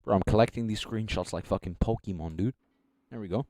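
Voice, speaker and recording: Young man, low-pitched, dry close sound, casual streamer, rambling, swearing, self-correcting. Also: fast, warm tone, no room sound. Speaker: streamer judging beatbox entries. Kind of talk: casual live-stream commentary.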